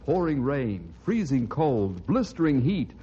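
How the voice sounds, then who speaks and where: A man's voice: mid-range voice, big pitch swings, a little slow, mellow, breathy edge. A man performing as a declamatory, emphatic announcer for an old-time radio drama adventure serial. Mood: stirring, dramatic. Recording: dull vintage radio recording, music behind. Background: music.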